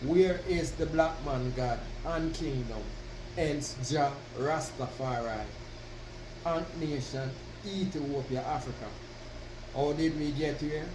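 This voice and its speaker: A man using Rasta speech, deliberately proclaiming a devotional address to followers with pauses and emphatic declarations. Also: mid-range voice. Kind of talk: devotional address with reading of own written piece. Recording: roomy, distant mic, constant background noise.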